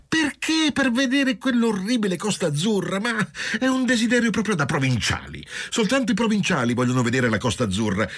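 A man reading an audiobook voices a passionate, desperate society woman who talks in a lively, insistent, pleading way. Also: sits high, brisk, voice pushed up, heavily acted. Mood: agitated.

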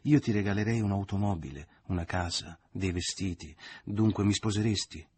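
A calm, scheming middle-aged seducer, as a male narrator plays him, self-satisfied and quietly insistent. The voice is deep and husky. It is a radio storybook reading. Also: normal speed. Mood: smug.

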